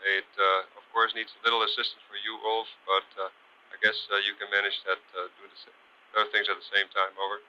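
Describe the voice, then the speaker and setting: A man working as a ground controller, speaking haltingly with many pauses over two-way radio. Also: fairly low pitch, level tone, sharp tone. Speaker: ground payload operations controller. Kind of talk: radio operations chatter. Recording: dull, hissy archival space radio.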